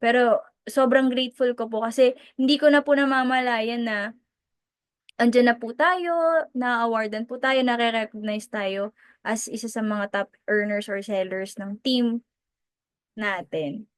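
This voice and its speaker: A Filipino woman, a sales team mentor, giving an animated motivational testimony in Tagalog mixed with English. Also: on the high side, a little slow, long pauses, clear, resonant tone, no room sound. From Philippines. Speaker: direct-selling team mentor.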